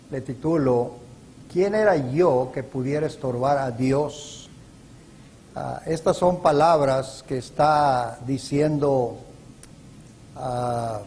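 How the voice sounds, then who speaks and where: A man preaching a sermon in a slow, emphatic way, with stressed words that rise sharply. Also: mid-range voice, a little mellow, a little hiss or hum. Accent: Latin American Spanish.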